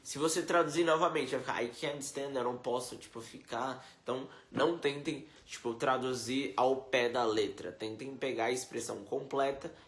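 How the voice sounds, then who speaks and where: A man from Brazil giving a casual English lesson, chatty and full of fillers, slowing down to spell out English example phrases. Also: medium pitch, fairly even intonation, fairly bright tone. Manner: slow, careful English examples. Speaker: English teacher. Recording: echoey room.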